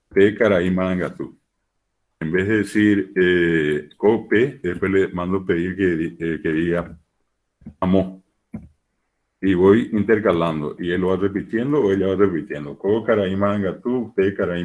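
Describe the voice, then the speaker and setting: A man with a low voice gives a lecture, walking through examples patiently and repeating them so learners can follow. He sounds like he is speaking over a video call. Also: a little mellow. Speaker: teacher.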